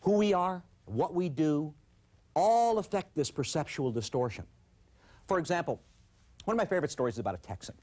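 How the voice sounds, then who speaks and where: A man teaching a management course, lecturing and telling stories in an animated way. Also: fairly high pitch, brisk. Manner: animated storyteller. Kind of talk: scripted lecture with storytelling.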